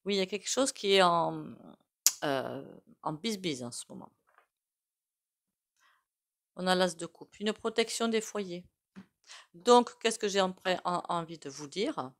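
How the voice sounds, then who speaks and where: A woman's voice: on the low side, lively intonation, unhurried, long pauses. A woman with a regional French accent doing a casual tarot reading to camera, chatty and rambling with lots of fillers. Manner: chatty, rambling, with many fillers and self-asides. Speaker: tarot reader.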